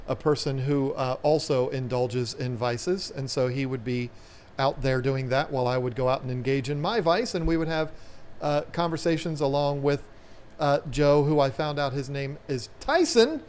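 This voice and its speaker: A man's voice: mid-range voice, a little mellow, a little hiss or hum. A man co-hosting a casual live stream, telling rambling anecdotes with many restarts. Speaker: aquarium channel co-host.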